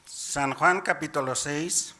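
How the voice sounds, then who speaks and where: A man's voice: fairly high pitch, slow, bright, forceful tone. A man from Bolivia preaching a Sunday church sermon as a deacon, often asking the congregation questions and calling them brothers. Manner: repeatedly asks the congregation questions and keeps addressing them as brothers; tags sentences with "dice" while paraphrasing scripture.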